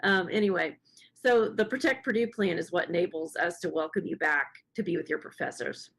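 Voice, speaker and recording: Hoarse woman speaking on a webinar. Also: fairly low pitch, brisk, rough recording. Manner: earnest, with many fillers. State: hoarse, losing her voice. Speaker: faculty speaker at student welcome session. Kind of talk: welcome address on a webinar. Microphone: video call.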